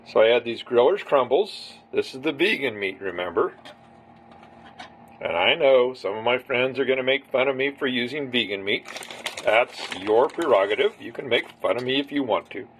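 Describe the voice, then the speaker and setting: A man's voice: medium pitch, lively intonation, normal speed, slight background noise. A man casually talking viewers through a home recipe step by step, in a rambling, chatty way. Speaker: home cook. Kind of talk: casual cooking demonstration.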